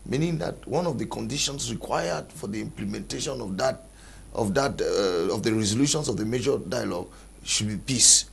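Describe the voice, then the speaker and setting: A man arguing his point as a panelist in a studio panel debate, deliberate and argumentative. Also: fairly low pitch, lively intonation, gravelly, husky.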